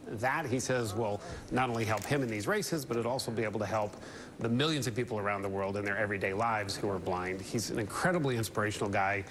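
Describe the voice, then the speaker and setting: A male network correspondent previews his upcoming stories with brisk enthusiasm. He talks quickly at a mid-range pitch, with faint background sound audible behind him. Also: fairly bright tone, slight background noise. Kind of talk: remote interview segment.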